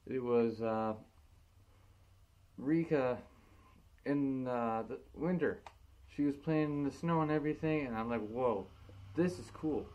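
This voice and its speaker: A man's voice: medium pitch, measured pace, pauses often, darkish tone. A young man in a casual vlog, muffled through a costume head, talking earnestly with stumbling restarts. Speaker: vlogger.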